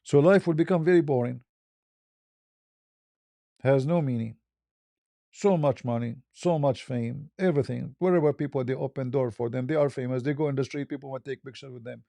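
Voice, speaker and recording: Gravelly-voiced man talking casually. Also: mid-range voice, a little fast, dark tone, dry recording. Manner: conversational, repeats and restarts words, plain non-native English phrasing. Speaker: online religious debater. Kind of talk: casual monologue answering questions.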